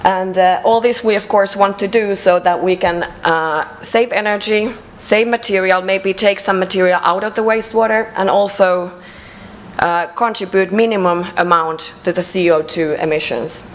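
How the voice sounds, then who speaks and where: A woman with a Finnish accent giving a conference presentation, measured and hesitant, with frequent fillers. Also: medium pitch, steady tone, poor audio. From Finland. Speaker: conference speaker. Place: conference hall.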